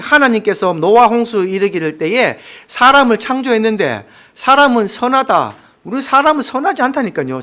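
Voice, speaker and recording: A man with a Gyeongsang accent preaching a sermon as a church pastor, emphatic and folksy, telling stories and dropping suddenly into quiet asides. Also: sits high. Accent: Gyeongsang Korean.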